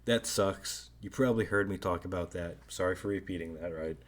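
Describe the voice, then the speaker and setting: A man's voice: sits low, fairly quick. A man giving casual, rambling video commentary on a strategy game, hedging often and tagging thoughts with "right?".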